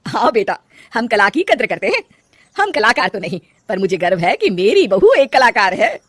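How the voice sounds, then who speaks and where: A woman voicing a middle-aged mother-in-law who talks in a loud, commanding way. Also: mid-range voice, sing-song, moderate pace, no echo, clean studio sound. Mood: warm.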